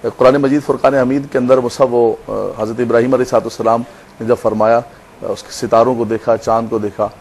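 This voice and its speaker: A male religious scholar explains points of faith in a studio chat, speaking in a measured, teacherly way and slipping in Arabic quotations. His voice sits at an ordinary pitch. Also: fairly even intonation, darkish tone, slight background noise.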